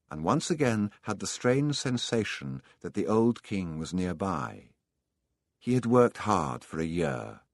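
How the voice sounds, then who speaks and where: A man narrating an audiobook in a calm storytelling manner. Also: deep voice, no room sound, studio quality.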